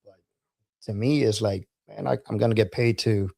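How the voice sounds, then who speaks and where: A man, an Army veteran guest, talking casually in an interview, halting and repeating words, laughing as he tells stories. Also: fairly low pitch, steady tone, vocal fry, darkish tone.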